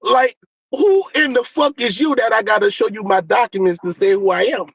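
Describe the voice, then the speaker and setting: High-voiced man, blunt casual group talk, close dry sound. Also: moderate pace, creaky, a bit bright, breathy edge, dry recording, muffled recording. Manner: blunt, emphatic, slangy.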